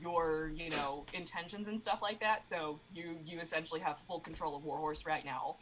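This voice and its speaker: A woman's voice: deep voice, steady tone, moderate pace, fairly bright tone, slight background noise, rough recording. A woman playing a tabletop game, rambling and thinking aloud with fillers. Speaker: player. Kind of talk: casual tabletop play.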